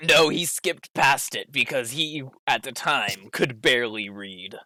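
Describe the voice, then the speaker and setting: A man runs a tabletop game as game master, narrating casually. His delivery is unhurried with lively intonation, and the sound is dry. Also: mid-range voice, dry recording.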